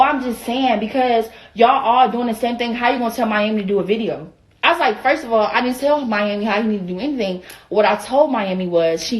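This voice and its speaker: A young woman with an Atlanta accent tells a casual, profane story, acting out both sides of an argument. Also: a little high. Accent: Atlanta Southern American. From Atlanta, USA. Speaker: vlogger.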